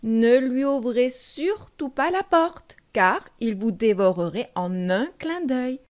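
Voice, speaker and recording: A woman voicing a caring, protective mother goat in a storybook, warning her young in a gentle, careful way. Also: on the high side, expressive, slow pace.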